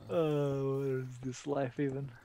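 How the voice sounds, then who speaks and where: A man's voice: mid-range voice, level tone, a little slow, dark tone. A man chatting casually while playing a video game with a friend, teasing and laughing often. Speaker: gaming video co-host. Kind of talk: casual gameplay chat.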